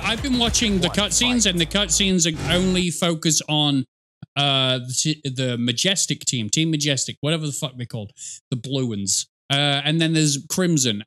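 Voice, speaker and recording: A middle-aged man hosts a gaming reaction with casual commentary, rambling, sarcastic and sweary. His voice sits on the high side with a sharp tone, and he's close on the mic in a small room.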